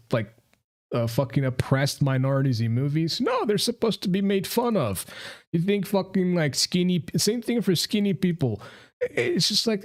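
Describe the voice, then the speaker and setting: A man co-hosting a casual live podcast, ranting crudely with a lot of swearing. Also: on the high side. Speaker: podcast co-host.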